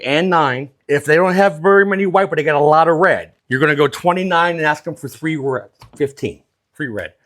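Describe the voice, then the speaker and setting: Higher-voiced man teaching craps dealing. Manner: explains step by step, plain-spoken. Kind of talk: hands-on casual instruction.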